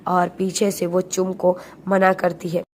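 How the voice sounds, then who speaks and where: A woman retelling a drama plot in a quick, chatty storytelling way, reading the characters' quoted lines in her own voice. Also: on the low side, monotone, a little mellow. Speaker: drama recap narrator.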